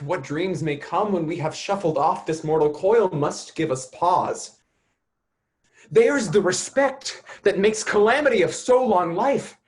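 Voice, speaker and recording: A man's voice: fairly high pitch, natural voice. A man acting a melancholy young prince, speaking a soliloquy thoughtfully with bursts of intensity. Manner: contemplative, rising to bursts of intensity. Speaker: actor. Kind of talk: Shakespearean soliloquy.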